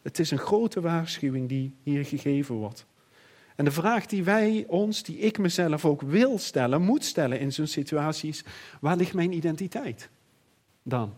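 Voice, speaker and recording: A middle-aged man preaching a sermon in an earnest, reflective way, often pausing and restarting. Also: on the high side, animated, darkish tone.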